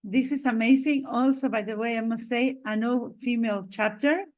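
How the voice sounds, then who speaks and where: A woman's voice: fairly high pitch, fairly even intonation, moderate pace, a little mellow. A woman hosting an interview, keen and effusive, with fillers between her questions. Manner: enthusiastic, repeats "this is amazing". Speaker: host. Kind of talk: video-call interview.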